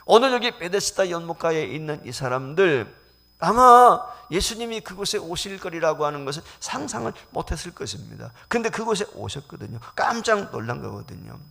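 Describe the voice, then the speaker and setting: A middle-aged man, a senior pastor, preaching a sermon to his congregation, swinging between loud exclamations and hushed whispers. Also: a little high, sing-song, fairly quick, vocal fry. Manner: addresses the congregation directly as "여러분".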